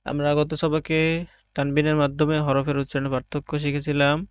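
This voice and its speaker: A Bangladeshi man gives an online Quran reading lesson, building words syllable by syllable in a flat, even cadence. His voice is smooth and clear. The recording is dry and close. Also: a little high, dry recording. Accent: Bangladeshi Bengali. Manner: slow syllable-by-syllable drilling, methodical. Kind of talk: online lesson, spelling out letters.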